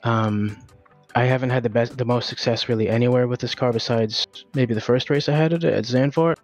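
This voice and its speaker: A racing driver, out of breath, answering post-race interview questions in a candid, hesitant way with many fillers. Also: male voice, mid-range voice, fairly even intonation, fairly quick, muffled recording, soft background music.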